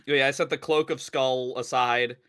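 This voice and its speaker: Animated man describing his game moves. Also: mid-range voice, slight background noise. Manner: animated, swearing, quick laughs. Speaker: player. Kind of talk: casual tabletop game chat.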